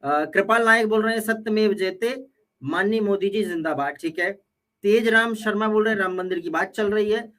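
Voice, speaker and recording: High bright-voiced man reading comments. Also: normal speed. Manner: reads comments aloud, argues with quips. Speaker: debate panelist reading viewer comments. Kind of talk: live political panel debate.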